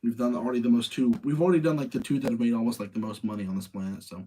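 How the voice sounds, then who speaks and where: A man with a warm, medium-pitched voice and steady tone speaks rapid-fire while hosting a live movie-rating stream. He chats casually, argues his own opinions, and repeats phrases for emphasis, with a little hiss or hum in the background.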